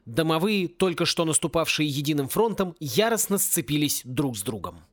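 A man narrating a homemade audiobook in a lively, animated reading style. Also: a little high, normal speed, dry recording, clean studio sound. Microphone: close home studio mic.

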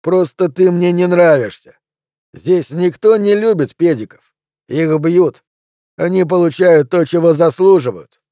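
A man's voice: high voice, measured pace, dark tone, dry recording, studio quality, voice pushed up. A man voicing a teenage boy bully who drawls lazy, insinuating threats. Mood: menacing.

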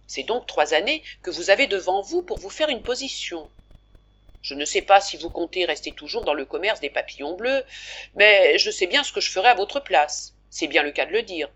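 A woman's voice: on the low side, lively intonation, normal speed, fairly bright tone, slightly rough, lo-fi sound. A woman voicing a blunt aging male shopkeeper who speaks frankly and in a businesslike way, in a storybook reading. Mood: frank, insistent. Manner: frank and businesslike, with a pet phrase.

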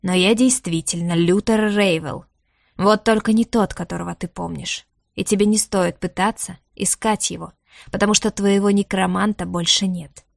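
A woman voicing an ancient, weary male dragon, speaking slowly and heavily with a rumbling tone. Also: level tone, vocal fry, dry recording, clean studio sound, close to an everyday voice. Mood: grim. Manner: slow, heavy, rumbling.

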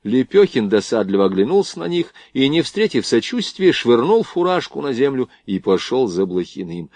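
A man narrating a novel as an audiobook in a lively, expressive reading. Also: mid-range voice, normal speed, no room sound.

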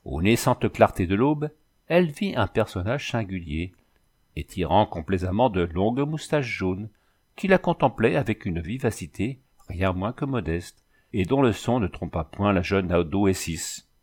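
A man narrating a novel as an audiobook in a measured, literary way. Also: lowish voice, expressive, darkish tone, breathy edge.

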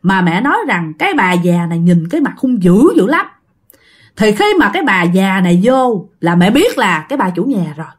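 A woman's voice: mid-range voice, normal speed. A middle-aged woman with a Southern Vietnamese accent, telling a ghost story and talking straight to her listeners. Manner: animated, addresses listeners directly.

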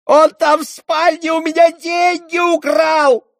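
A shrieking frantic old landowner. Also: male voice, level tone, takes it slowly, gravelly, a bit bright, dry recording, raised voice, clean studio sound, heavily acted. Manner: shrill, squealing, breathless cries.

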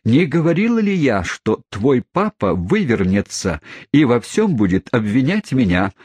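A man reading an audiobook voices an indignant, shrill middle-aged woman who complains loudly. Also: sing-song, a little slow, slightly rough, no room sound.

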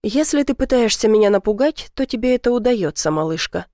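A woman voicing a tender, adoring young boyfriend in a read-aloud story, speaking softly and slowly to reassure. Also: fairly high pitch, expressive, dry recording, studio quality, lightly acted. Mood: tense.

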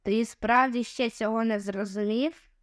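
A woman voicing a sly, mocking female villain in a storybook reading, with a shrill, taunting delivery. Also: steady tone, unhurried, no echo, clean studio sound, lightly acted.

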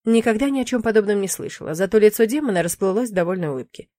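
A woman reading a first-person fantasy audiobook in an expressive, emotive way. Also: medium pitch, racing, no room sound, clean studio sound. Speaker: audiobook narrator.

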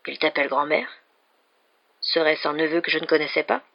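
A woman voicing a friendly young ex-paratrooper man in a read-aloud novel, calm and a bit awkward. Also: deep voice, brisk, muffled recording.

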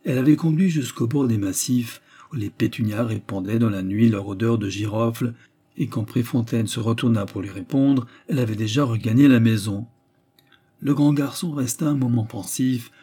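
Warm, husky male audiobook reader. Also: mid-range voice. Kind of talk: scripted narration of a novel.

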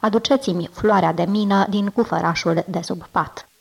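A woman's voice: medium pitch, vocal fry, slightly rough. A woman voicing a dying old dragon father who speaks weakly and turns contemptuous, in a storybook reading. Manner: weak voice, turning contemptuous.

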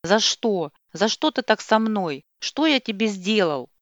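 A woman voicing an angry young husband who snaps and shouts back at his wife, in a dull, dry lo-fi recording. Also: medium pitch, animated, moderate pace, dry recording, natural voice.

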